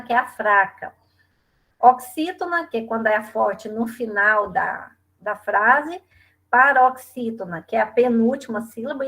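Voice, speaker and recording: A woman's voice: fairly high pitch, a bit bright. Brazilian woman teaching a grammar class. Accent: Brazilian Portuguese. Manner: explanatory, frequent tag questions. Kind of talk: online class lecture.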